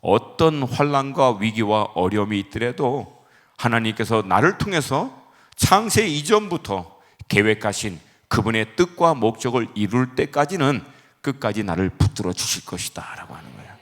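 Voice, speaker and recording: A man who is a pastor, preaching a Friday-service sermon in animated storytelling style, acting out the quotes in his stories. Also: mid-range voice, moderate pace, big-room sound. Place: church sanctuary.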